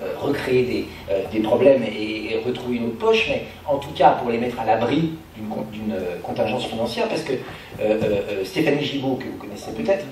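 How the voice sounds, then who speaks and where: A man speaks at a public meeting in an explanatory, structured way, posing rhetorical questions as he goes. His medium-pitched voice is picked up from a distance in a very reverberant room with faint noise. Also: a little fast, a little mellow. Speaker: political speaker.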